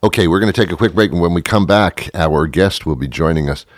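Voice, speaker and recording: A man's voice: low-pitched, fast, no echo, clean studio sound. A man in his thirties hosting a talk show, rambling through a sarcastic, self-mocking monologue that often trails off. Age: 30s.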